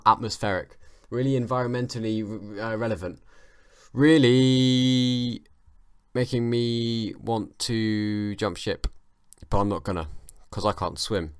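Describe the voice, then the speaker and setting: A man's voice: lowish voice, no room sound, studio quality. A young man hosting a solo comedy podcast, rambling and mumbling through a self-mocking stream of thought on a home mic. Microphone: home mic with makeshift pop filter.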